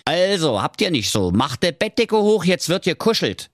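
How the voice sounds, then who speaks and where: A man's voice: a little high, sing-song, normal speed, no room sound, studio quality, voice pushed up. A man voicing a cheeky, pushy male frog in a raised, chummy voice with a Berlin accent. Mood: wheedling.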